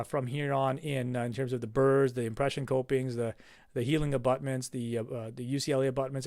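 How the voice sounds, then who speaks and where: Man, dentist, slide review, casual rambling, monotone, dry sound. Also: medium pitch, dry recording. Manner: casual, rambling with many fillers and restarts. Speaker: dentist reviewing an implant system.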